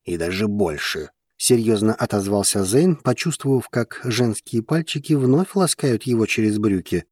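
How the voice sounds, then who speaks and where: A man narrating an audiobook in a measured, even reading manner. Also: mid-range voice, no room sound, clean studio sound.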